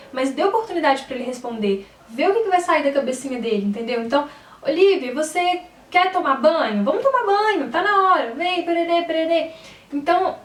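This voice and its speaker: A woman's voice: sits high, reverberant, far from the mic. A woman in her twenties with a Brazilian Portuguese accent, a mother giving chatty advice in a casual vlog and often checking in with the listener. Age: 20s. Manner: chatty, keeps checking in with "sabe?". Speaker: mother giving parenting tips.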